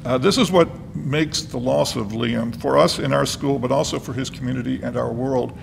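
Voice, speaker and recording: A man delivering a eulogy as a professor, speaking and reading aloud in a solemn, measured manner with a gravelly voice. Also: steady tone. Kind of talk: eulogy speech, partly read aloud. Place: large reverberant hall. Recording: noisy, reverberant hall with low rumble.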